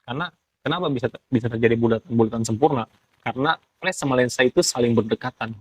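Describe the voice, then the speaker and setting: A young man with a Jakarta accent chats casually in a medium-pitched voice. He explains step by step, halting as he searches for the right word. The sound is dry and close, with no room echo. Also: a little mellow, breathy edge. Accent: Jakarta Indonesian. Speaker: ghost photographer being interviewed.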